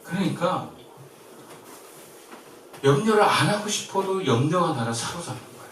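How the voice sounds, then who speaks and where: Korean pastor preaching in an echoey church. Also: male voice, on the high side, moderate pace, distant mic, slight background noise. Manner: lively, shifts between loud and soft, quiet gentle quoted comfort. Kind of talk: sermon. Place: church sanctuary.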